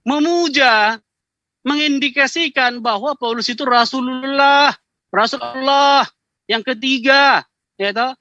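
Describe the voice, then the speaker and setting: A man with a high, very bright voice lectures and pushes back in a heated online debate. He is heard over a video call, and the sound is dry and close. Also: no echo. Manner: lecturing, combative.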